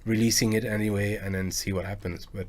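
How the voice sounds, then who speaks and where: A low-voiced man from France, in his forties, runs a live stream and records game music covers. Speaking at a quick pace, he answers viewers in a relaxed, rambling chat with regular bursts of excitement.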